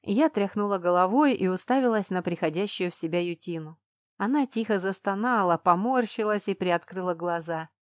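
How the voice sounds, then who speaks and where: A female narrator reads a first-person fantasy audiobook in a mid-range voice. Her storytelling is brisk and expressive. The sound is dry and close-miked, with no room echo. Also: mid-range voice.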